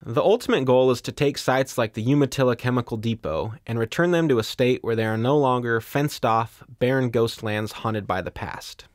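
A man's voice: medium pitch, moderate pace, few pauses, no echo, studio quality. A man hosting and narrating a podcast in a playful, scripted way. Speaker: podcast host.

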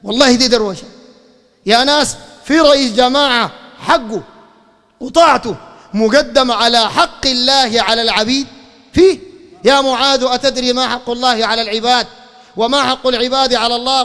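Male preacher, Sudanese Arabic accent, very high voice, fiery lecture with rhetorical questions, long hall reverb. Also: steady tone, brisk, bright, forceful tone. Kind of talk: impassioned religious lecture.

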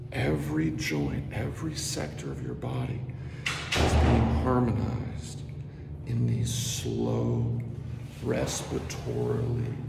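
The echoey, noisy stairwell frames this movement instructor in his thirties as he walks and demonstrates to a phone camera at arm's length. His creaky voice sits at medium pitch, and his talk is slow and drawn out, with murmured asides that sink almost to a whisper.

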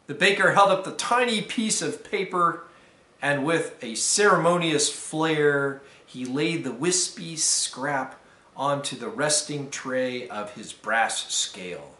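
A man, a deacon, reading a fable aloud to students in a careful, measured storytelling manner. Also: fairly high pitch, bright, forceful tone. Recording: roomy echo.

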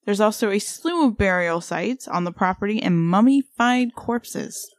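A woman's voice: mid-range voice, normal speed, no room sound. Chatty woman co-hosting a podcast. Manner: rambling, filler-heavy, excitable. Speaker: podcast co-host. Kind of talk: casual podcast chat.

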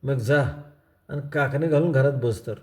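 Brief: a man playing an older villager, calm and teasing, rustic and unhurried, mellow tone. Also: medium pitch, close to an everyday voice.

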